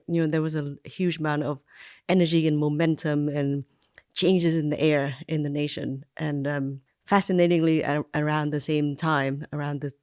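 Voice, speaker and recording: A woman in her forties from Vietnam, with a deep, darkish voice, recalls her childhood. Telling her life story as a migrant in an unscripted, reflective memoir, she often says um and like and restarts her sentences.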